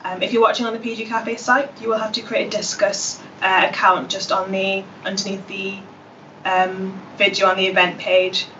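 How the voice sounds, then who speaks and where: A young woman in her twenties hosting a webinar as a graduate ambassador, relaxed and dotted with ums. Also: mid-range voice, normal speed. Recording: distant dull webinar audio with faint hiss.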